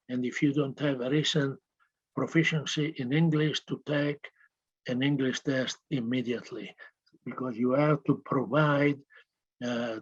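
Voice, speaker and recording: Husky man, formal webinar talk. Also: mid-range voice. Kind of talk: webinar presentation. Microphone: video call. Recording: dull video-call audio.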